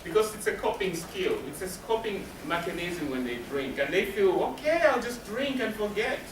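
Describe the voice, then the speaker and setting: With a high-sitting voice and big pitch swings, a counselor presents to a live audience at normal speed. He explains in short, emphatic phrases and answers his own questions. The mic sits at a distance in a roomy space, and background noise is noticeable.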